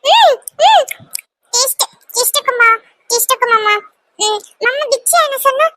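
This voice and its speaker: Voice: very high voice, expressive, a little slow, pitched above the performer's own voice, exaggerated voice. A performer voicing a small, eager boy in a cartoon, speaking in a singsong way. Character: small sweet boy, chatty nephew. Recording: loud background noise.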